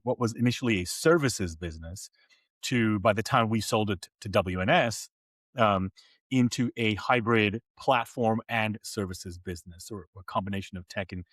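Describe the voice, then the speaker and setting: As a podcast guest, this man in his later years, raised in Hong Kong, responds to interview questions thoughtfully, restarting often and using many fillers. His voice sits lowish and a bit bright, with no echo.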